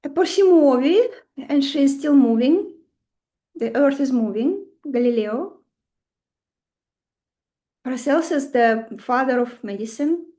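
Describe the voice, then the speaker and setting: A woman's voice: high voice, animated, takes it slowly, pauses often, mellow. A woman with a Russian accent giving an informal astrology lecture, emphatic and conversational, often putting rhetorical questions to her listeners. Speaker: astrology teacher. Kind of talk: informal lecture to a live group.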